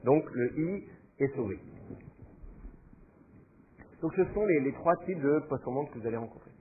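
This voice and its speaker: A man's voice: mid-range voice, expressive, normal speed, phone-quality sound, a little hiss or hum. A man teaching a class, explaining patiently and thinking aloud with fillers as he goes. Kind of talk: classroom lecture.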